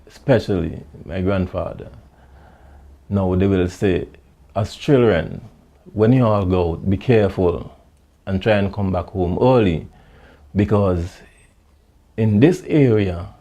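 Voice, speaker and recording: Gravelly Vincentian man telling memories. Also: deep voice, mellow. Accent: Vincentian Creole. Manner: halting, repeats words as he recalls. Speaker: interviewee. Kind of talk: oral history interview.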